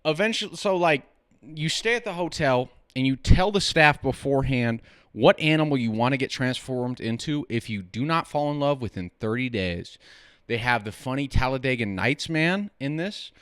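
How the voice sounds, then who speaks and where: A man's voice: medium pitch, expressive, normal speed, fairly bright tone, smooth, dry recording, clean studio sound. A man who is getting drunker as he gives casual, joking film reviews, rambling and stumbling over his words. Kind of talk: casual comic film tier-list commentary.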